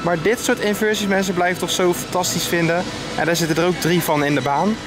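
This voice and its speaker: A man's voice: sits high, steady tone, fairly quick. A young adult man, chatting casually and enthusiastically to viewers as a vlogger, recorded outdoors on a handheld camera. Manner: enthusiastic, informal, addresses viewers often. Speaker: vlogger reviewing theme park rides. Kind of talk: casual vlog chat to viewers. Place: outdoors in an amusement park. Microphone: handheld camera at arm's length. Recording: outdoor camera audio under prominent music. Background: music.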